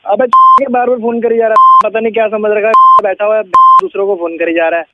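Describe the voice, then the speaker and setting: Brusque, short-tempered man heard over the phone, fairly high voice, loud hiss behind. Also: steady tone, fairly quick. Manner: irritated, brusque, curses. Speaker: prank call target. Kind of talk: phone conversation. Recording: muffled phone line with loud noise.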